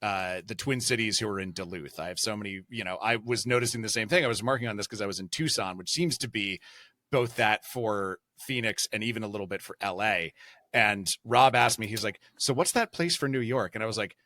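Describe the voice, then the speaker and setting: Man, podcast host, rambling, excitable, many fillers, low voice, dry close sound. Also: brisk, no room sound. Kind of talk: casual podcast chat.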